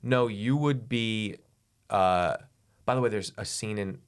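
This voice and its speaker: Male co-host, forties, slightly low pitch, eager storyteller who restarts his sentences. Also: measured pace, clear, resonant tone. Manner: enthusiastic storyteller, repeats words as he restarts. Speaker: podcast co-host. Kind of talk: casual comedic chat.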